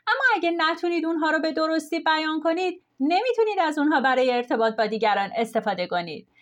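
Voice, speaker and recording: A woman reading a scripted language lesson, explaining with clear, steady delivery. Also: high-pitched. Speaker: language teacher.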